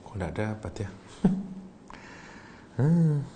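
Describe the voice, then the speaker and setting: Lively male Islamic teacher, teasing audience. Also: extremely slow, a little hiss or hum. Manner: teasing and animated, acts out Arabic cries with sudden high voice; laughs often, asks the audience questions. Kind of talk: lecture on Quranic language.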